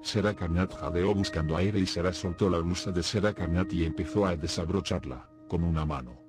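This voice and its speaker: Very deep male audiobook narrator. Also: brisk. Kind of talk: scripted narration. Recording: music playing behind the voice.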